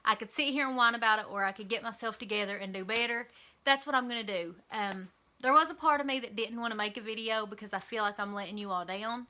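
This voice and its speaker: A woman's voice: on the high side, quick pace, pushed and bright. A woman with an Eastern Kentucky accent talking casually and candidly to camera in a vlog, with frequent ums and likes. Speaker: vlogger.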